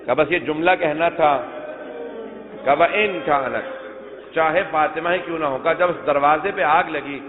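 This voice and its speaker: A high-pitched man gives an emotional mourning sermon and turns often to the congregation as he tells old narrations. His voice rings with a long hall reverb and comes through thin and tinny, like a phone line. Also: background noise. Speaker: Shia preacher.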